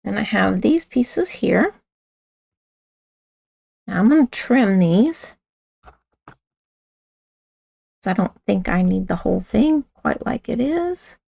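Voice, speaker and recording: A woman with a raspy, gravelly voice walks through a card-making craft at an unhurried pace. She chats loosely, correcting herself as she works. The sound is close and dry. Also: mid-range voice, lively intonation, a little mellow, no echo. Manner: chatty, talks while working with hands, self-correcting. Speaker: craft instructor. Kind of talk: casual craft tutorial.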